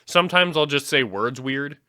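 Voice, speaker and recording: Brief: Pennsylvania man, podcast host, bright tense tone, quick laughing swearing reactions, dry close sound. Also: a little high, lively intonation, dry recording. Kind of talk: casual chat.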